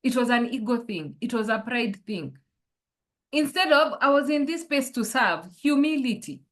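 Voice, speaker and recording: A woman with a somewhat high voice speaks as a life coach in an online workshop. She poses reflective questions to her listeners. She is heard over a video call. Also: animated, normal speed.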